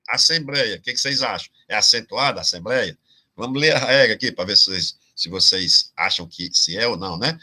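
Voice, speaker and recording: A man from Ceará teaching a Brazilian exam-prep class, explaining grammar rules slowly and checking in with his students again and again. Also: medium pitch, pushed and bright. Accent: Brazilian Portuguese, Ceará. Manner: drawn-out explanations with frequent "tá certo?" check-ins. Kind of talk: online exam-prep lesson.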